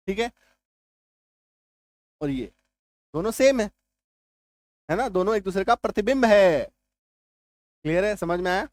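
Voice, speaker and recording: A man teaching a lesson patiently. He repeats points, drills sounds slowly and keeps checking whether listeners follow. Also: high voice, no room sound. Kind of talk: explanatory classroom-style lesson.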